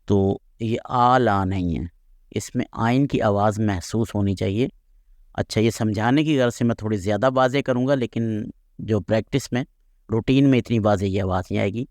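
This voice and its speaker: A man's voice: on the low side, a little mellow, no echo, studio quality. A man teaching Quran recitation rules, patiently explaining and repeating sounds aloud to demonstrate them.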